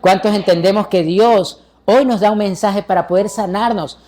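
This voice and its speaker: A man's voice: high voice, moderate pace, darkish tone, a little hiss or hum. A male pastor delivering a sermon, preaching emphatically and putting rhetorical questions to the congregation.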